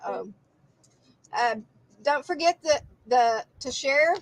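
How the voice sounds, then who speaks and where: A woman's voice: high-pitched, lively intonation, slow pace, rough recording. A woman hosting a live quilt shop broadcast, chatting casually and rambling with restarts. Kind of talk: casual live-stream chat.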